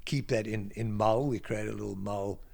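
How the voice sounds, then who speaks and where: A man's voice: fairly low pitch, steady tone, normal speed, gravelly, darkish tone. A middle-aged South African man with a South African accent, a guest speaking in a casual interview in a library, often restarting phrases and then pushing words out with sudden emphasis. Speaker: guest, creative director.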